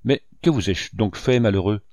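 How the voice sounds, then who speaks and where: A man's voice: on the low side, normal speed, darkish tone, no room sound, studio quality, close to an everyday voice. A man reading the lines of a desperate older male banker in an audiobook, pleading and outraged. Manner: agitated, imploring.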